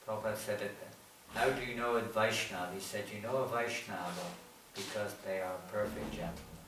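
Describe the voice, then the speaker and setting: A man's voice: on the low side, steady tone, brisk, noisy background. A man from England giving a lecture through a translator, jovial and teasing his audience in a large hall. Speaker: visiting speaker. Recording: echoey hall from far off.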